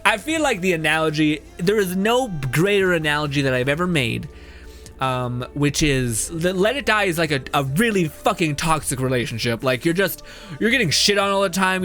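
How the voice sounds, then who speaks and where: A man's voice: fairly high pitch, lively intonation, normal speed, fairly bright tone, soft background music. Laid-back, profane young male streamer. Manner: loose, profane, laughs often. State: hoarse. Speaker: game streamer. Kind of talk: casual livestream chat, reading chat aloud.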